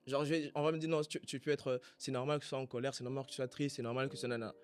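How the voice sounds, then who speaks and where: Reflective man from Congo, halting. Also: mid-range voice, level tone, clean tone. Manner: reflective, halting, self-searching. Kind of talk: casual faith conversation.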